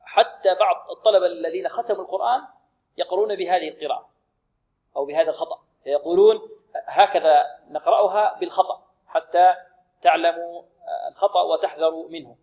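A man teaching Quran recitation, modelling words slowly and answering his own questions. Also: high voice, narrow, tinny audio. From Libya. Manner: asks questions and answers them himself. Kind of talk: tajweed lesson with recited examples.

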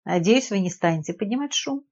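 A woman voicing a calm, ironic middle-aged male spy chief who speaks in an unruffled, dryly persuasive way, in an audiobook. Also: medium pitch, brisk. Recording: dull lo-fi audiobook recording.

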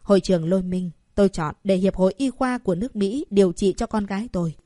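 A woman voicing an angry, protective royal father who shouts at a doctor treating his daughter. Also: medium pitch, quick pace, no echo, studio quality, natural voice. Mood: pleading. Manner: shouting, indignant and urgent.

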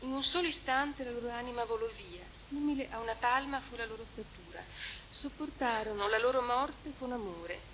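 Female academic speaker with a bright, crisp tone, reading at a lectern with careful pacing in a hall recording. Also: on the high side. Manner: measured, deliberate reading. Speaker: conference speaker. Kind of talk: academic lecture with read-aloud translation. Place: conference hall. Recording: echoey hall recording with hiss.

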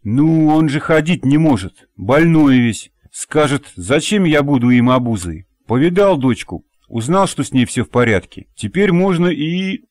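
A man's voice: a little high, very animated, unhurried, few pauses, darkish tone, dry recording, voice pushed up. A male audiobook reader voicing an awkward, simple-hearted young husband who speaks hesitantly. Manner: hesitant, shy, folksy speech. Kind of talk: audiobook character voice.

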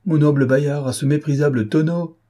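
A man's voice: fairly high pitch, steady tone, moderate pace, warm tone, voice pushed up, natural voice. A man voicing a tearful, indignant young woman in a storybook reading, plaintive and vehement.

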